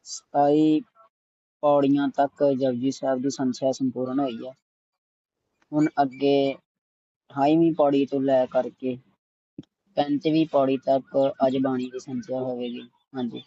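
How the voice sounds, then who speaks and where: A man teaching scripture recitation, patiently correcting pronunciation and repeating words slowly to demonstrate. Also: mid-range voice, level tone, warm tone, no room sound, lo-fi sound.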